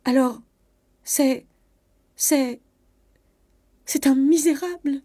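A woman voicing a distraught young bourgeois wife, pleading and shrill with panic. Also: very slow, mellow, no room sound, clean studio sound. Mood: stunned.

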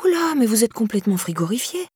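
A woman reading an audiobook voices a blunt, streetwise young woman who swears but looks after a stranger, in a raised, breathy voice. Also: on the high side, big pitch swings, quick pace, a little mellow, no room sound, studio quality, voice pushed up, full character voice. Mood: caring. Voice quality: brash, exclaiming, swearing.

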